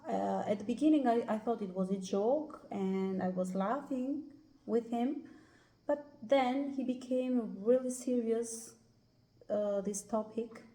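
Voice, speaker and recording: Slow, hesitant Albanian-accented woman. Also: a little high, dark tone. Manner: hesitant, many pauses and "uh" fillers. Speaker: guest. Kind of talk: personal life story in an interview. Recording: roomy echo.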